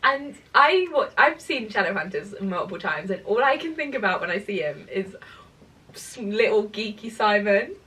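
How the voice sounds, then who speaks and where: A woman co-hosting a fan podcast in casual, excitable, rambling chat, giggly and sweary, saying her R's like W's. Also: mid-range voice, moderate pace, far from the mic. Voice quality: can't say her R's properly, r sounds like w.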